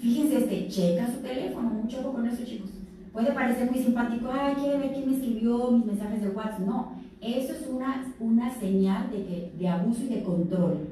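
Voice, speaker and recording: At a health fair, a woman with a Mexican Spanish accent gives teenagers an informal, conversational talk, acting out the voices of the abusers and victims she quotes. Her voice is a little high and dark-toned, at a moderate pace. The event room is very echoey, with a distant mic and faint noise.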